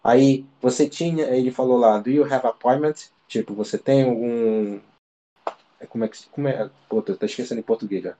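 A man from Brazil talks as an interview guest, his voice mellow and relaxed in tone. He tells his story casually and loosely, with plenty of slang, fillers and false starts. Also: mid-range voice, fairly quick, a little hiss or hum, rough recording. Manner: slangy, rambling, full of fillers and restarts. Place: living abroad in Ireland.

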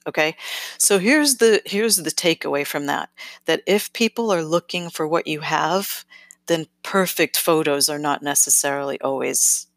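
Woman, podcast host, low voice, casual advice, chatty, sing-songy emphasis, dry sound. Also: normal speed, fairly bright tone, no echo. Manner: chatty, self-correcting, often checks in with "okay?".

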